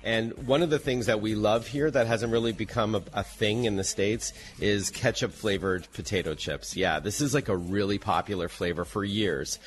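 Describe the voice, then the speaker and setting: A man's voice: on the low side, moderate pace, hardly any pauses. A man chatting casually and explaining things as a technology guest on radio. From Canada.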